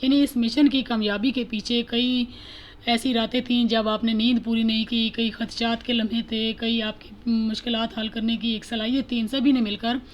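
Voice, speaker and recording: A woman teaching an English lesson, reading each textbook line slowly and then explaining it in Urdu. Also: fairly high pitch, level tone, muffled recording.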